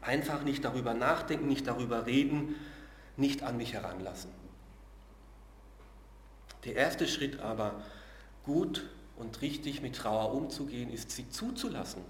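Prediger in hallendem Saal. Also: male voice, medium pitch, roomy sound, slight background noise. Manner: earnest, slows and drops to a hush on key words; uses filler sounds between phrases. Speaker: preacher. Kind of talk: sermon.

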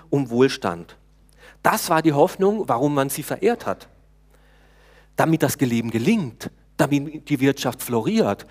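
A man giving a sermon in a conversational way, often pausing with hesitations and speaking directly to his congregation. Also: fairly high pitch, husky. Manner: conversational preaching, talks to the congregation, frequent hesitations. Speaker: preacher.

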